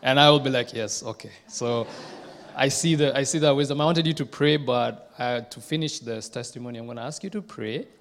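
A man from Kenya, leading a church service and speaking to the congregation with frequent hesitations. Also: medium pitch. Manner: warm, halting, lots of "um" and restarts. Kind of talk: addressing a congregation. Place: church sanctuary. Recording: echoey church hall with congregation.

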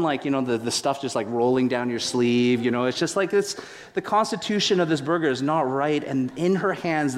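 A man's voice: mid-range voice, long reverb tail. A male pastor giving a sermon, telling a story with playful humor and big swings in his voice.

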